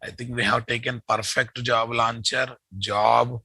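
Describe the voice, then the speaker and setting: A man's voice: mid-range voice, level tone, measured pace, gravelly, sharp tone, breathy edge, dry recording. A man with a Telugu Indian English accent teaches programming live, thinking aloud, repeating phrases and checking with his students through short questions and tags. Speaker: programming instructor.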